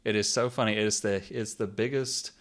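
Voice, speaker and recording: A man's voice: on the low side, fairly even intonation, a little fast, a bit bright. A man co-hosting a gaming podcast, explaining a game in casual chat, rambling with lots of "like" and "um" and the odd laugh. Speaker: podcast co-host.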